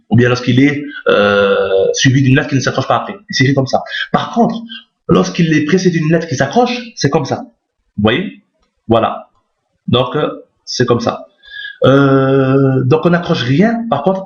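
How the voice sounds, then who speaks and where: A man teaching how to read Arabic letters, explaining step by step, repeating key points and often checking that listeners follow. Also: medium pitch. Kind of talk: step-by-step lesson. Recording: roomy, dull lo-fi sound.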